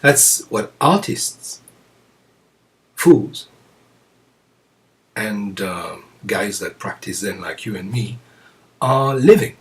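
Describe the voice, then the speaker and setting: Man, Zen teacher, unhurried and pausing, chuckles between thoughts, distant mic. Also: on the low side, expressive. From France. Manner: slow, reflective, with frequent pauses and soft chuckles. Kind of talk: dharma talk to students. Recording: voice picked up from a distance.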